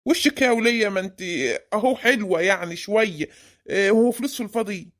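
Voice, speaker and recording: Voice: mid-range voice, a bit bright, natural voice. ممثل يؤدي زوج مصري بخيل سريع الكلام. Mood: grumbling. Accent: Egyptian. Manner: fast, scolding and nagging. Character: stingy middle-aged Egyptian husband, grumbling.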